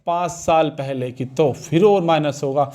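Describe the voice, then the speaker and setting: In an exam-prep math lesson, a man with a fairly high, dark-toned voice speaks at a measured pace. He often asks the class a question and answers it himself, repeats questions back to students, and checks understanding with "ठीक है" and "समझ में आया".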